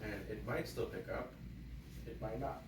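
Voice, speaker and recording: A man hosting a how-to video, speaking slowly as he walks away from the phone, so his voice comes through faint and distant on the phone's mic. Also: on the low side, roomy sound, noisy background. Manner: talks slowly, announcing a test. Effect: far from the phone mic, faint and distant. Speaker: tutorial host. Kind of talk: casual how-to demonstration. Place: indoors at home, walking into the next room. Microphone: phone microphone left behind.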